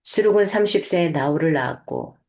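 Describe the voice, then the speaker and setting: A woman with a notably low-pitched voice reads scripture aloud and then talks it through. Her teaching is relaxed and conversational, full of small fillers and self-corrections. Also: fairly quick, creaky. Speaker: host, Bible teacher. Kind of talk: Bible reading and casual explanatory teaching.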